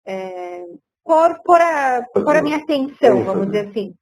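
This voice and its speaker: A woman's voice: sits high, lively intonation, normal speed, low-quality recording. A woman teaching Hebrew grammar in an online seminar, explaining patiently and sometimes searching for words, on a computer mic.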